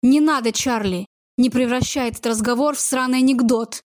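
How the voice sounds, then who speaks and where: A woman voicing a furious, betrayed young man who shouts bitter accusations, in an audiobook read in a dry close voice. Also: fairly high pitch, moderate pace, no echo, close to an everyday voice. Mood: angry.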